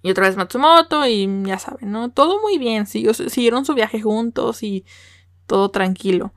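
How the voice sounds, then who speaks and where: A woman's voice: fairly high pitch, lively intonation, moderate pace, fairly bright tone, no room sound, studio quality. A young Mexican woman with a Mexican Spanish accent, talking casually and emotionally to viewers about an anime, often repeating words. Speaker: anime reviewer.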